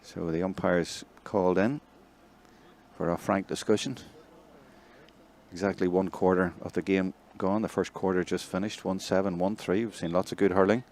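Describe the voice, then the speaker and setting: A man with a Northern Irish accent giving live play-by-play commentary, chatty between plays and excitable when a score comes. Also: low voice, moderate pace. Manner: conversational, excitable on big plays. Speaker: match commentator.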